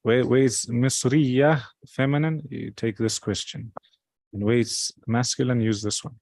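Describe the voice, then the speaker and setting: A man's voice: medium pitch, fairly even intonation, a little slow, a little mellow, dry recording. A man teaching a study circle, patiently explaining step by step. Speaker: religious teacher.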